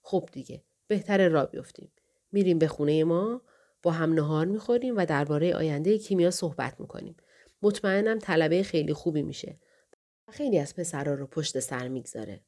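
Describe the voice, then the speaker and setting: A woman reading the part of a revered older male scholar in an audiobook, speaking softly and slowly with a kindly, grieving manner. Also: fairly low pitch, natural voice.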